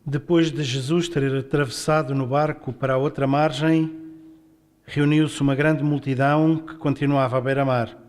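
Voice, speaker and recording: A man with a European Portuguese accent reads a Gospel passage aloud, slowly and deliberately. His voice sits at an ordinary pitch, and he gives every phrase room. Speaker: scripture reader. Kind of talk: slow reading aloud.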